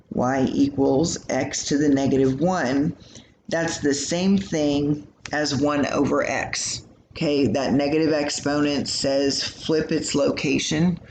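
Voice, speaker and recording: A man's voice: a little high, gravelly. A man teaching a recorded math lesson, explaining in a casual, chatty way with lots of fillers. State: yawning, tired. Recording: echoey room with faint hum.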